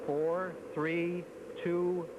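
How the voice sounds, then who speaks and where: A man calling out a rocket launch countdown over a crackly radio broadcast in steady, measured call-outs. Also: sits high, muffled recording. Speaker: launch control announcer. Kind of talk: live countdown commentary. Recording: hissy radio feed from afar.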